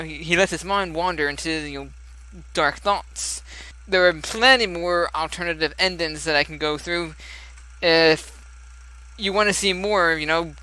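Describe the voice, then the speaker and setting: A man's voice: on the high side, sharp tone, poor audio. A young man commentating as he plays a story game, chatty and musing aloud with frequent laughs. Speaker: let's play gamer.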